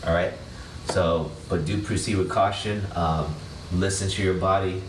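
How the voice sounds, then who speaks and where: A man with a low voice shares tips casually with viewers. His delivery is halting and cautionary. The mic is some way off, with clear noise around him. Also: fairly even intonation. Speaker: guest sharing challenge tips. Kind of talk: casual chat to camera. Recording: distant mic, echoey, noisy surroundings.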